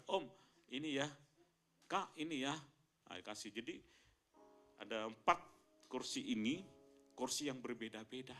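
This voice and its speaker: A male pastor from Indonesia tells a story to his congregation. His voice jumps from quiet, low asides to loud, excited peaks, and soft instrumental music plays underneath. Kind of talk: sermon testimony.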